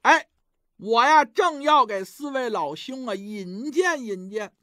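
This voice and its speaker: A man's voice: very high-pitched, animated, slow, pushed and bright, no room sound, clean studio sound, exaggerated voice. A male storyteller voicing a gracious, deferential host in dramatic dialogue. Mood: chatty, pleased. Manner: deferential, chatty, welcoming. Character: gracious, eager male host welcoming gentlemen guests.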